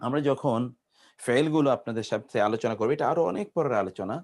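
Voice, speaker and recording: A man with a Bangladeshi accent gives an Arabic grammar lesson at a middle pitch. He breaks conjugations into single syllables and keeps asking his class questions. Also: quick pace, darkish tone. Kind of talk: classroom lecture.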